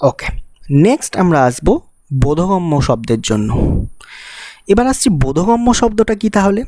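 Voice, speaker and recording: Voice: medium pitch, big pitch swings, normal speed, darkish tone, no room sound, studio quality. A physics teacher gives an exam-prep lesson. The teacher explains step by step, mixes English technical terms into the talk and asks the student rhetorical questions.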